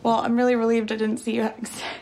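Gravelly, flustered young woman, played by an actress. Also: on the high side, flat delivery, quick pace, a little mellow, lightly acted. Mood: teasing. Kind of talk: sitcom acting.

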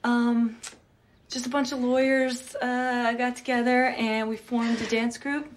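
A woman's voice: fairly high pitch, little pitch movement, measured pace, slight background noise, close to an everyday voice. An actress playing a flustered, chatty young woman in a sitcom scene. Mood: awkward. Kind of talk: sitcom acting.

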